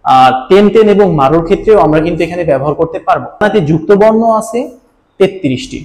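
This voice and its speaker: A man's voice: on the high side, animated, fast, darkish tone. A man from Bangladesh teaching a Japanese language lesson, explaining patiently step by step and repeating key points. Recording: roomy echo.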